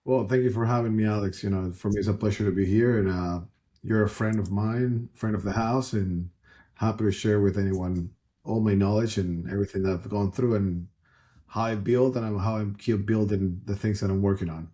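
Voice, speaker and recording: A man's voice: fairly low pitch, steady tone, moderate pace, warm tone. A man, a guest telling his story in an earnest, rambling way with frequent restarts. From Ecuador. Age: 30s. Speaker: guest entrepreneur. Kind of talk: casual conversational storytelling.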